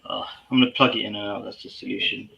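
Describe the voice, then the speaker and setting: A man's voice: fairly low pitch, fairly even intonation, fast talker, vocal fry, noisy background. A man hosting a casual chat, heard through a tinny headset microphone while he fumbles with his audio settings. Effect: tinny headset microphone sound. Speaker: host.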